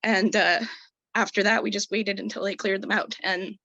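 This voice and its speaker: A woman giving emotional, halting personal testimony at an online public hearing over a video call. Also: medium pitch, fairly even intonation, bright, forceful tone, no echo, muffled recording. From Canada. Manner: earnest, emotional, halting with fillers.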